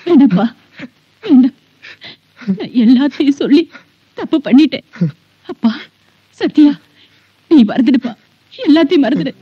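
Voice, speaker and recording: A woman's voice: high voice, expressive, moderate pace, pauses often, no echo, dull audio. An actress playing a loving foster mother who soothes and pleads with her grown son. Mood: soothing.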